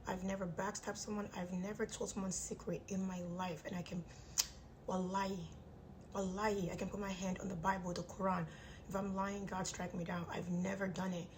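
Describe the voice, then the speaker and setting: A woman in her thirties delivers motivational advice with a tight, clenched-jaw sound, as her jaw is wired shut. She is blunt and emphatic, repeating key phrases at a medium pitch. There is clear background noise in the recording. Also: level tone, brisk. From Nigerian immigrant household. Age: 30s. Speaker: vlogger giving self-help advice. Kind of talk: direct-to-audience motivational advice talk.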